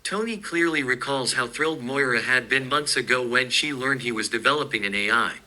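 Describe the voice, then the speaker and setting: A man giving a scripted narration of a fan story in a smooth, even reading. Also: medium pitch, fairly quick, rough recording.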